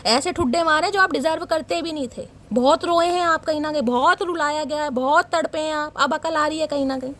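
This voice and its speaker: A woman's voice: high-pitched, a little fast, hardly any pauses, a bit bright. A woman reading tarot cards for her viewers in a teasing, dramatic way. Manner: teasing, dramatic, addresses viewers as guys and darling. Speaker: tarot reader.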